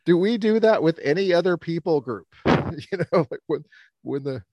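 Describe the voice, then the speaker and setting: A man from Colorado co-hosting a casual talk show, talking in a rambling, halting way with many restarts, standing outdoors by the ocean on a cold day. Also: a little high, lively intonation, warm tone, dry recording. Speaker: podcast co-host. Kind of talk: casual chat.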